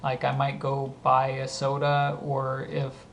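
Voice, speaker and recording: Slow and completely flat, a gravelly, medium-pitched male voice with a Southern California accent reads through a list of words. After each one, he casually explains how he uses it, his voice scratchy throughout.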